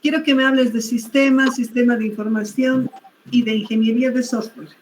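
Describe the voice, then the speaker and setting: A woman's voice: on the high side, steady tone, fairly quick, a little mellow, slight background noise, low-quality recording. Woman teacher calling on students. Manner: corrects terms, calls on students. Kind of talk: online class with questions.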